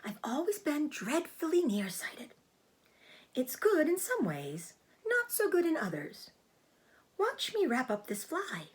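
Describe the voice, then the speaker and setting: A woman voicing a proud, clever female spider in a storybook, with a thin, breathy voice and a genteel, self-assured, explanatory manner. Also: sits high, wildly swooping pitch, slow, pitched above the performer's own voice, heavily acted. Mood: pleasant, self-assured. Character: clever, proud, matter-of-fact female spider, bloodthirsty trapper.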